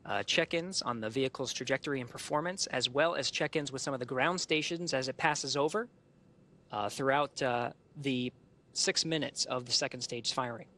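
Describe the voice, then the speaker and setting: Bright, crisp-edged man commentating a launch. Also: medium pitch, moderate pace. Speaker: launch webcast host. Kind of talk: live technical commentary.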